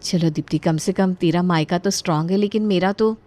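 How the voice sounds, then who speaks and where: A woman's voice: fairly low pitch, fairly quick, dark tone, no room sound, close to an everyday voice. A woman voicing a timid, worried young daughter-in-law.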